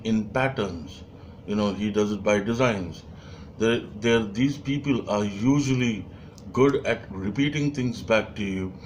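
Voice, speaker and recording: A man giving a training lecture, measured, with frequent fillers and rhetorical questions. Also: lowish voice, a little mellow, slight background noise. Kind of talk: lecture to camera.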